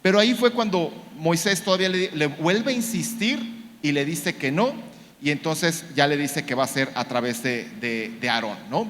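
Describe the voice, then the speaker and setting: A man's voice: fairly high pitch, a bit bright. A man preaching a sermon, retelling a story with acted-out quotes, many fillers and repeated words. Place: church. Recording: long church reverb.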